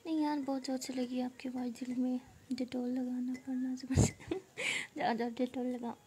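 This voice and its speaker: A woman hosts a live stream from her phone, half-whispering and joking as she reads out comments. Her voice sits high but sounds mellow and warm. A faint hiss of noise runs underneath. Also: level tone, normal speed. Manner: soft, half-whispered, playful. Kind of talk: casual chat reading viewer comments.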